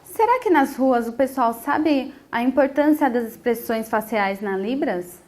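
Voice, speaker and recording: A woman teaching a sign language lesson, explaining each point patiently and filling pauses with short hesitations. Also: a little high, animated. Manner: patient, explanatory, with frequent 'é' fillers.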